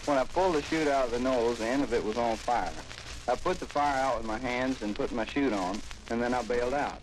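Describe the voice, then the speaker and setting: A man's voice: medium pitch, fairly quick. A young man in his twenties plainly recounting his escape in a wartime radio interview, heard on old worn tape. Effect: old worn archival tape. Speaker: wounded airman being interviewed. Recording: hissy old 1940s tape recording.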